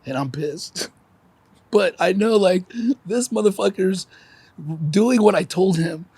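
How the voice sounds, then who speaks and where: A man's voice: high voice, slow, darkish tone, husky, dry recording. A man in his forties, a podcast guest, talking candidly and emotionally with lots of swearing, close to tears. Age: 40s. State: teary.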